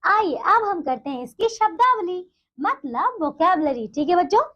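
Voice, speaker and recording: A woman's voice: extremely high pitch, very animated, fairly bright tone. A woman teacher leading a primary school Hindi lesson, speaking in a sweet, coaxing tone and often checking in with the children. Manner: slow, sing-song recitation of poem lines. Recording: dull lo-fi recording.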